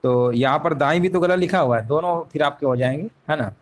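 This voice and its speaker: A male teacher with a somewhat high voice leads a live online exam-prep class. He walks through each question step by step, repeats the answers, and keeps asking rhetorical questions. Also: a little fast.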